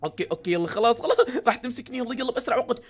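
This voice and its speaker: A woman with an Iraqi Arabic accent hosting excited game commentary, with shouty exclamations. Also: fairly high pitch, rapid-fire, breathy edge, faint music behind. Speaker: gaming channel host.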